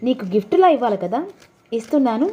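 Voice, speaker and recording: A woman's voice: a little high, big pitch swings, fast talker, dark tone, husky, muffled recording. A woman doing a curt, impatient husband. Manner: curt, demanding, clipped questions. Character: stern, impatient young husband.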